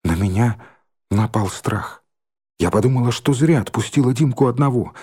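A man reading a first-person story aloud in an expressive, measured way. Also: mid-range voice, breathy edge. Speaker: audiobook reader.

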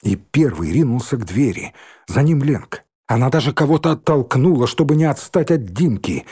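Expressive man with a husky, mellow voice. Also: medium pitch, normal speed. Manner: expressive reading, voicing every character. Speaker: audiobook narrator. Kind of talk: audiobook reading of a children's novel.

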